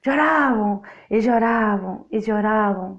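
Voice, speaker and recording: A woman's voice: mid-range voice, slow, highs cut off. A woman from Portugal with a Portuguese accent, Portuguese native, giving an emphatic, repetitive spoken testimony sermon. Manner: emphatic, repeats phrases for effect.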